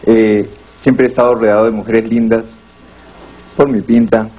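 A Colombian man doing stand-up, telling self-deprecating stories in a deadpan way and acting out the dialogue. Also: on the low side, moderate pace, heavy background noise. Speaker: stand-up comedian.

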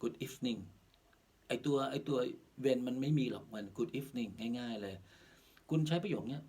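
A man with a Thai accent teaching a drum lesson in a casual spoken style, slowly and with many repeats and restarts, mixing simple English phrases into his talk. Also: medium pitch, mellow, husky. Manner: slow, repetitive, restarts mid-phrase.

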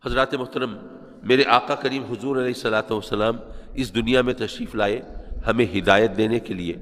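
A man's voice: mid-range voice, fairly even intonation, fairly bright tone, in a large hall. A male Islamic scholar delivering a sermon, speaking rhetorically and addressing his listeners directly. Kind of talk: Urdu sermon.

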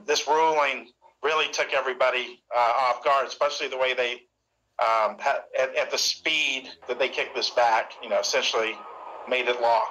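A middle-aged industry expert speaking over a video call from an office, energetic with fillers. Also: male voice, mid-range voice, normal speed, a little hiss or hum, low-quality recording.

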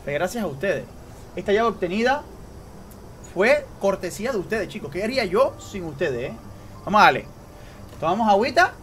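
A man with a high, lively voice streams a game live, talking straight to his chat. He repeats himself in quick bursts. Faint noise sits under his desk mic. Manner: excitable, repeats phrases, addresses chat directly. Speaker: gaming streamer. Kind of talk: live gameplay commentary.

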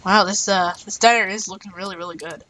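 A woman's voice: mid-range voice, steady tone, quick pace, bright, forceful tone, slight background noise, low-quality recording. A woman chatting casually while playing a building game, playful and hesitant, with many ums. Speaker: Minecraft player. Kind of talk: casual gaming commentary.

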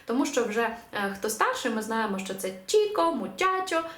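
Lively woman teaching pronunciation. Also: a little high, echoey room. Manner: clear, drawn-out pronunciation of example words. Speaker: language teacher. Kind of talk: online language lesson.

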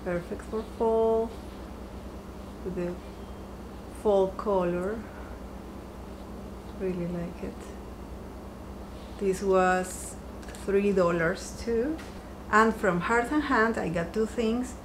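Drawing out her words and pausing often, a woman with a medium-pitched voice chats cheerfully about her decor finds, lingering softly on each. She's a home decor vlogger seated by a window in her dining room. There's background noise.

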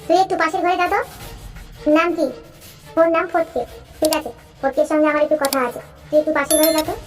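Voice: sits high, fairly even intonation, fast talker, faint music behind, close to an everyday voice. A performer voicing a bossy, scornful rich father in a cartoon, mocking and commanding. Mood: bargaining. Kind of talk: cartoon voice acting.

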